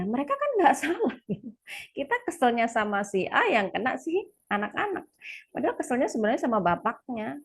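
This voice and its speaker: A woman speaking to a live audience in a casual, confiding way, with a voice that sits fairly high. She is chatty and laughs often. She acts out quoted lines by jumping to a sudden, much higher voice. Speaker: speaker sharing parenting experience.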